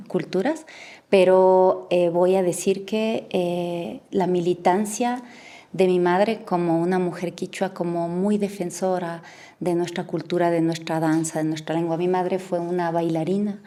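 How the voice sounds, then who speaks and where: This is a woman, speaking as an interview guest. Her voice sits low and has a dark, mellow tone. She reflects aloud, pausing often between thoughts. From Ecuador, Imbabura province. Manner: measured and thoughtful, frequent "eh" pauses. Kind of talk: reflective conversational interview answers.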